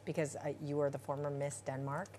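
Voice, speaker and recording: A woman co-hosting a TV news show, asking questions in a bright, upbeat way in a studio. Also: sits low, level tone, a little fast, a little hiss or hum. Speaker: morning news co-host. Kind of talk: TV studio interview.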